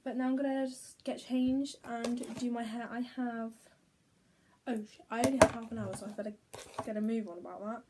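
Speaking at normal speed and with fairly even intonation, a young woman with a highish voice vlogs about beauty to her phone camera at home. She rambles casually and teases herself, and there's background noise.

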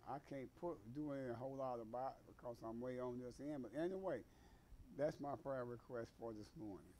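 A man in a church congregation sharing prayer requests in a halting, plain way. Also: medium pitch, mellow. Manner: halting, with many fillers. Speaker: church member. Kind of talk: casual spoken prayer request.

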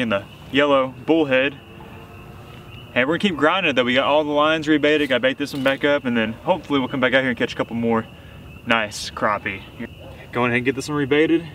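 With a mid-range, slightly bright voice, a young man narrates casually from a small boat on a night lake, chatty and upbeat while showing off the fish he's landed for his vlog. There's slight background noise, and music is clearly mixed in.

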